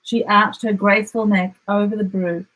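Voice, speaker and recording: A woman with an Australian accent, reading a children's story aloud in an expressive storytelling style. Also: medium pitch, moderate pace, rough recording. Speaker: storybook reader.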